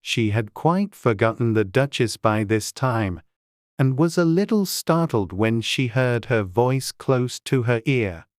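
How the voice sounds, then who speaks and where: A woman's voice: rumbling low, lively intonation, a little slow, a little mellow, dry recording, clean studio sound. A woman reading a scripted storybook narration as an audiobook narrator.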